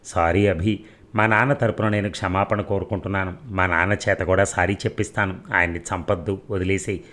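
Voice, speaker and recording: A man's voice: low voice, steady tone, brisk, a bit bright. Young woman, pleading and emotional, voiced by a male reader.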